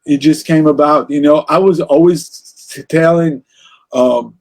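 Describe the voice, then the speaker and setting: A man's voice: a little high, steady tone, unhurried, darkish tone. A man with an Israeli accent, speaking as an interview guest about music in a passionate, rambling way with many restarts. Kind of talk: casual interview conversation.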